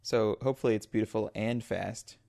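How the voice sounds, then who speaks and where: A man's voice: lowish voice, fairly even intonation, a little fast, vocal fry, warm tone. A man co-hosting a podcast, trading playful, teasing banter in casual chat. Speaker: podcast co-host.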